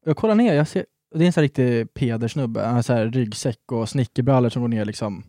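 A man's voice: mid-range voice, dark tone, no room sound, clean studio sound. A man co-hosting a podcast, telling crude stories in a candid, casual chat. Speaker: podcast co-host.

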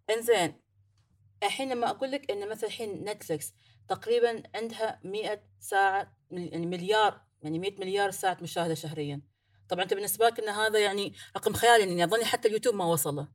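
A woman podcast host, chatting casually in a bubbly, teasing way. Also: medium pitch. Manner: fast, bubbly, teasing, laughs often.

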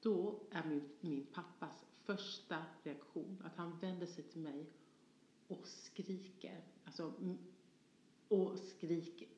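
A woman from Småland, a guest in a personal conversation, telling her story passionately; she moves from soft tones to forceful ones. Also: fairly low pitch, a little hiss or hum. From Sweden, Småland. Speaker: interview guest. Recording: dull, echoey room sound.

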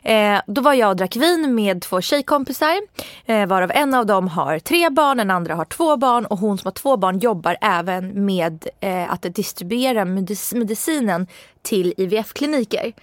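A talkative woman in her thirties, chatting casually and retelling a story with animated quoted reactions. Her mid-pitched voice sits close and dry, with no room sound around it. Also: no echo. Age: 30s.

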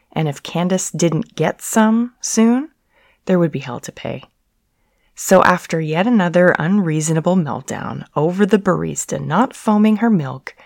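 Female narrator for romance audio fiction: deep voice, deliberate reading with playful emphasis, dry close sound. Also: gravelly, a little mellow, no room sound. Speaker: podcast host and story narrator. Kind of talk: scripted romance story narration.

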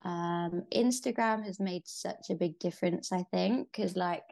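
A woman's voice: fairly low pitch, unhurried, creaky, a little mellow. A woman talking casually as an interview guest, rambling a little and thinking aloud with many fillers. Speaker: interview guest, pole athlete. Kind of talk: casual conversation.

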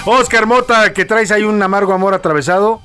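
A man's voice: high-pitched, steady tone, a little fast, loud music behind the voice. A man with a Mexican accent hosting a radio talk show and trading jovial banter with his co-hosts. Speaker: radio host.

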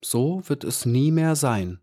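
A small young girl bee, bright-eyed and full of wonder, with a voice lifted well above the reader's own as a male narrator puts her on. She asks and exclaims eagerly, a fairy-tale storybook figure. Her tone stays soft and curious. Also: mid-range voice, lively intonation, slow, voice pushed up. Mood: wistful.

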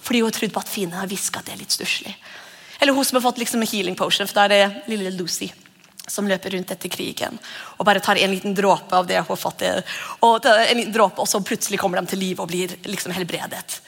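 Husky woman preaching in a hall. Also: mid-range voice. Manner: conversational, animated, acts out whispered voices. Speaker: pastor. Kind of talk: sermon. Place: church hall. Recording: long church reverb.

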